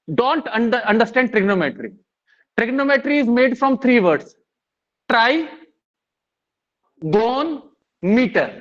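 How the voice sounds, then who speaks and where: A man's voice: extremely high pitch, a bit bright. A man with an Indian accent giving a live-streamed lesson, explaining word roots in mixed Hindi and English and often checking in with his listeners. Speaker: English teacher. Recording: dull lo-fi stream audio.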